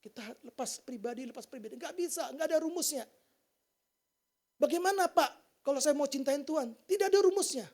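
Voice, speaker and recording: A man giving an informal sermon testimony to a church congregation, talking in a colloquial, animated way and asking the listeners many rhetorical questions. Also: extremely high pitch, gravelly. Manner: colloquial, slangy delivery. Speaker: church preacher.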